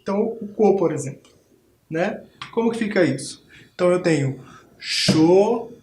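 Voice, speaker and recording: Brazilian teacher, male, high-pitched, patient explainer; echoey noisy room recording. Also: expressive, moderate pace, darkish tone. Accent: Brazilian Portuguese. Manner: patient, explanatory, demonstrating body percussion. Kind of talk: school TV music lesson.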